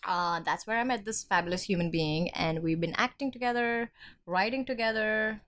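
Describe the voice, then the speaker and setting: A woman's voice: medium pitch, normal speed, a bit bright. A young woman from India with an Indian accent, co-hosting a casual podcast chat, jokey and rambling, often laughing as she talks. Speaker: podcast co-host.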